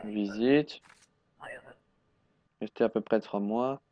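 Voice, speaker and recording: A man's voice: fairly low pitch, slow, no echo, muffled recording. Joking man streaming a game. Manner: joking, sarcastic, reads game text aloud. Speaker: gaming streamer. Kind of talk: live gameplay commentary.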